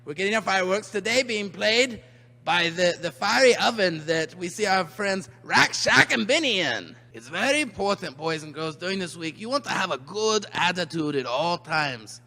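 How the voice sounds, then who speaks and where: A man's voice: sits high, animated, normal speed, pushed and bright. A man presenting to children in a comic rules announcement, mock-earnest, emphatic and repetitive. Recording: long hall reverb.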